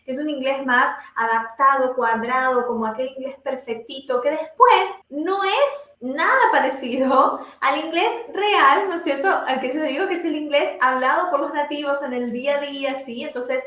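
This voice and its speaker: High-voiced woman teaching English. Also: bright, forceful tone, reverberant. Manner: checks in constantly with "¿sí?" and "¿ok?"; models English phrases slowly for repetition. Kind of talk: live online English lesson.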